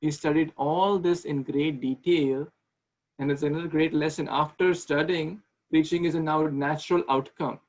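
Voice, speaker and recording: Speaking at a moderate pace with fairly even intonation, this man in his thirties has a fairly high, slightly mellow voice. He's running an online devotional class by video call from a small room with a ceiling fan, chatting conversationally, posing questions, and frequently repeating or restarting words. The webcam recording is low quality.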